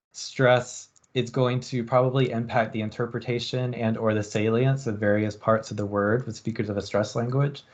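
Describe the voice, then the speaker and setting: Low-voiced man giving a relaxed lecture. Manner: relaxed, thinking aloud with frequent ums. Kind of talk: university lecture on experiment design.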